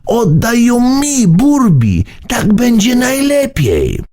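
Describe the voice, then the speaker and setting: A bewitched rainbow creature in a storybook, high-pitched and pressing, coaxing with an eerie urgency as a man puts her on. Her voice is husky and swings widely in pitch. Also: wildly swooping pitch, slow, dark tone, exaggerated voice. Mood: urgent.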